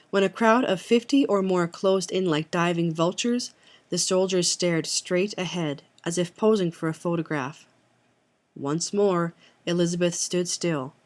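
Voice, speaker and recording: A young woman, a student, reading a memoir excerpt aloud in an earnest, steady way with the odd slip. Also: lowish voice. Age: young adult. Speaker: student reader.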